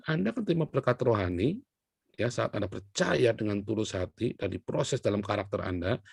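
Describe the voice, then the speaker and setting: A man preaching a sermon as a pastor, lively and blunt with folksy humor, sometimes voicing short exchanges with God. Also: mid-range voice, gravelly, husky, no room sound, clean studio sound.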